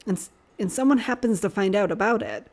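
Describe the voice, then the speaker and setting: A woman's voice: mid-range voice, lively intonation, a little fast, darkish tone, lightly acted. A woman voicing a teasing, blunt young man who talks frankly.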